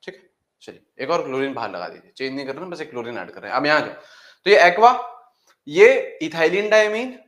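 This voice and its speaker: A male chemistry teacher speaks in a sing-song, fairly bright, fairly high voice, a little fast. He addresses his class as "beta," asks questions, repeats the answers, and drills the material step by step, repeating key steps and words.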